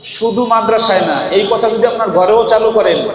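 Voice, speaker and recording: A man's voice: high-pitched, moderate pace. A man giving an impassioned sermon as a madrasa teacher, calling on the audience to answer back. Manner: impassioned, calls for audience responses. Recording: echoey hall with crowd.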